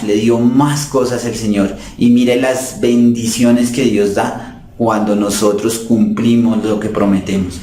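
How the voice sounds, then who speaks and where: A man's voice: fairly low pitch, dark tone, slight background noise. A man preaching a sermon in an earnest way, addressing his listeners as brothers and sisters. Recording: roomy echo.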